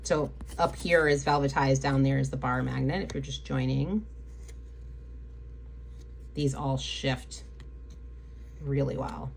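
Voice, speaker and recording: A woman's voice: very deep voice, slow pace, vocal fry, pauses often, slight background noise. A woman hosting a casual live stream about nail polish, chatting with viewers, reading their comments aloud and getting easily sidetracked. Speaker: livestream host showing nail polish.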